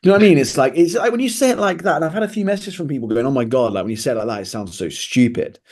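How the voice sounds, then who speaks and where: A man's voice: mid-range voice, racing, a little mellow. A man, a fitness coach co-hosting a casual podcast, ranting sarcastically. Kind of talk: casual chat.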